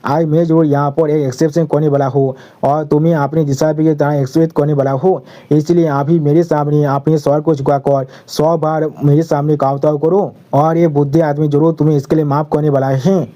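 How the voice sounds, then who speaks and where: A man voicing a cold, mocking old demonic cultivator in a manga recap, speaking calmly and tauntingly. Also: on the high side, normal speed, lightly acted. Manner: calm and taunting.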